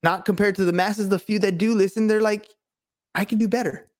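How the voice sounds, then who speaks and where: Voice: mid-range voice, fairly even intonation, a little fast, a little mellow. A podcast co-host talking casually and motivationally, earnest and rambling, often checking that the listener agrees.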